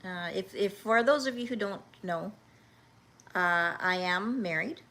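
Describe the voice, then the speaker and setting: A woman in her fifties hosting a livestream, talking earnestly and haltingly, with many restarts, as she answers viewers' comments. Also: medium pitch, fairly bright tone. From Canada. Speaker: livestream host.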